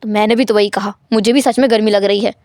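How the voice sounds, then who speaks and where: A woman voicing a cold, teasing, dominant young husband in a storytelling fan fiction, speaking low, calm and insistent. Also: fast, dry recording, clean studio sound, lightly acted.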